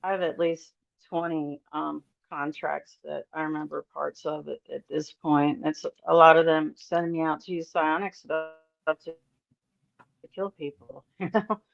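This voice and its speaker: A woman with a very low voice tells her story in a podcast roundtable, rambling and filling gaps with ums and nervous laughs. The audio is dull and lo-fi. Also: steady tone, unhurried, vocal fry, dry recording. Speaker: roundtable guest. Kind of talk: candid personal testimony in a podcast roundtable.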